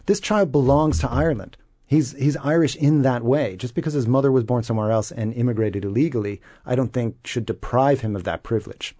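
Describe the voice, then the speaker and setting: A man's voice: medium pitch, brisk, warm tone, no room sound. A man speaking earnestly and emphatically as a panel guest. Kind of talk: casual panel discussion.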